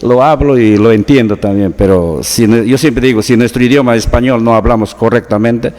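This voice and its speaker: A man's voice: medium pitch, brisk, darkish tone, in a large hall. Man from the Peruvian Amazon, explaining. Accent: Peruvian Amazonian Spanish. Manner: patient, explains with examples. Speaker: guest, researcher. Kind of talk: explanatory interview talk.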